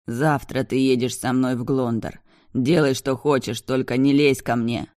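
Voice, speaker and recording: A man's voice: mid-range voice, level tone, a little slow, darkish tone, no room sound, studio quality, lightly acted. A reader voicing a cold, menacing powerful man who answers curtly in an audiobook. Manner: icy, curt, venomous. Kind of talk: audiobook dialogue.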